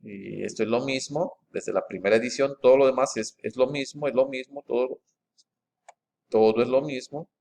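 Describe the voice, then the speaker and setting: A man with a gravelly voice talks through a text comparison in an informal, explanatory way. His pitch sits in a plain middle register. He reads short passages aloud and stops often to restart his phrases. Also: a little mellow. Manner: methodical and halting, with frequent fillers and restarts. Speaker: presenter comparing book editions.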